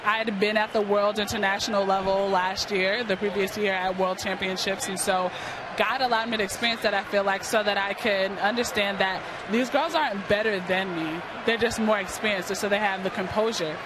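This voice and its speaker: Speaking a little fast at medium pitch with fairly even intonation, a New York athlete in her early twenties gives an earnest, conversational interview. She is American. The ballpark is audible outdoors, with clear stadium noise in the background.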